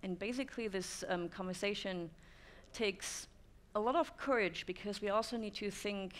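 At an ordinary pace and mid-range pitch, a woman in her thirties from Germany presents a talk to a conference audience. The setting is a dim room with stone walls, and she sounds thoughtful, often pausing on "um."

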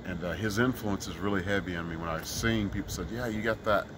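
Middle-aged man from Mississippi, street musician, earnest and rambling; outdoor city park recording with clear street noise. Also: sits low, quick pace. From Mississippi, US South. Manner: earnest, rambling, many fillers. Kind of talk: casual street interview.

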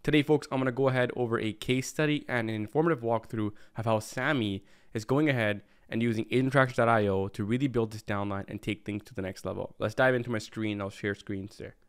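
A man hosting a screen-share sales walkthrough, talking fast and salesy, leaning on fillers like "right?" and "you know". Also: medium pitch, clear, resonant tone. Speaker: host presenting a case study.

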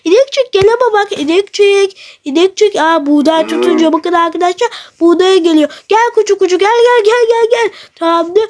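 A gaming YouTuber narrating a block-building role-play to their viewers, excitable, with sudden shouts and wailing cries. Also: very high-pitched, normal speed, hardly any pauses. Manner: talks straight to the viewers, bursts into shouts and wails.

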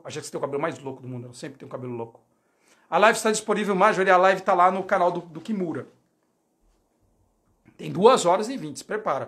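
A man in his forties, a UX designer giving a casual livestream monologue into a phone, talking in an animated, rambling, slangy way. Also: fairly high pitch.

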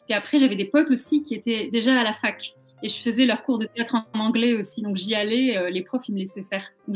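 Young woman, casual interviewee on a video call, medium pitch, music underneath. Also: husky. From southern France. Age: young adult. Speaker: interviewed actress. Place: indoor room at home, video call. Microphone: video call microphone.

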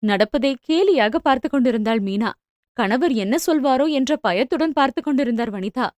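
A woman narrating an audio novel in clear, steady storytelling. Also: sits high, moderate pace, dry recording. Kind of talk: scripted narration.

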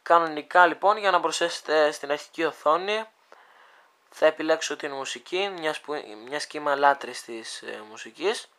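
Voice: medium pitch, sharp tone. A speaker casually walking viewers through a phone app, thinking aloud with many hesitations and talking to them like friends. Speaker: video creator demonstrating a phone app. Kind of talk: casual screen demo walkthrough.

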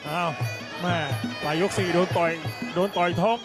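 A man giving excited boxing commentary, exclaiming and repeating short calls. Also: high-pitched, normal speed, vocal fry. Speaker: Muay Thai TV announcer and commentator. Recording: crowd and music behind voice. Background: noisy arena crowd and music.

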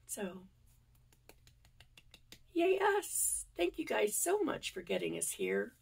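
A woman's voice: a little high, vocal fry, husky. A woman chatting casually on her channel, rambling with lots of fillers, stuffy and congested from a cold. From United States. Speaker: yarn channel vlogger. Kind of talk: casual chat to camera.

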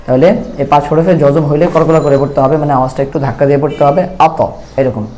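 A man with a Bangladeshi Bengali accent, teaching a recorded Quran reading lesson and patiently repeating drill syllables slowly. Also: fairly high pitch, fairly even intonation, darkish tone, slight background noise.

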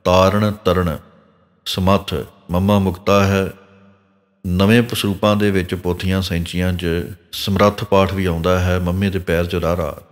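A man teaching scripture pronunciation in a measured way, breaking verses phrase by phrase and marking each pause. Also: deep voice. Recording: long hall reverb.

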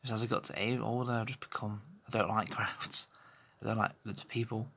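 In a small bedroom, a man in his thirties holds his phone near his face for a candid vlog, stumbling and restarting as he rambles. His voice is fairly low and fairly monotone, a little fast, with vocal fry, a pushed, bright quality and a breathy edge.

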